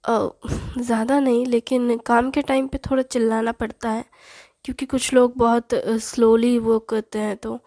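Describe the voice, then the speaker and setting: A woman's voice: a little high, little pitch movement, moderate pace, dark tone, dry recording, clean studio sound, lightly acted. A woman voicing a young new bride who asks polite, curious questions.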